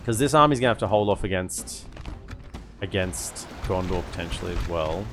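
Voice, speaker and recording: A man's voice: sits low, lively intonation, moderate pace. A man giving casual strategy game commentary as a streamer, thinking aloud as he goes. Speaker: gaming streamer. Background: game music.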